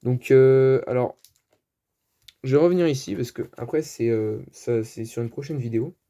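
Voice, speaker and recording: Dark-toned French man chatting casually. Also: medium pitch, moderate pace. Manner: chatty, hesitant, many fillers. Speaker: card collector vlogger. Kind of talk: casual show-and-tell.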